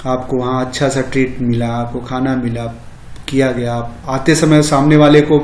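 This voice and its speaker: A man's voice: mid-range voice, roomy sound, rough recording. A man teaching spoken English to beginners. He explains each phrase in Hindi, repeats the English version several times, and often says "ठीक है". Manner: frequent "ठीक है" fillers.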